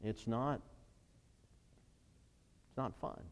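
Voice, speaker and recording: A middle-aged man preaching a sermon as pastor, emphatic, rising to loud bursts and reading scripture aloud. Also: mid-range voice, steady tone, drawn-out words. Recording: long reverb of a large church hall.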